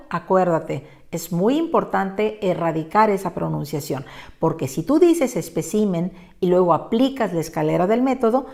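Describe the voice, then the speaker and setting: A woman teacher giving a patient, clearly explained online lesson and speaking directly to the viewer. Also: mid-range voice, darkish tone. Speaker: Spanish teacher. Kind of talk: online lesson on pronunciation and spelling.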